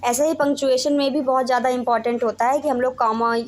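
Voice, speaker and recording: Indian lady teacher going over grammar points, fairly high voice, keeps asking "right?". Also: steady tone, fast. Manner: explains step by step, with frequent "है ना" checks. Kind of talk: Hindi-English grammar lesson.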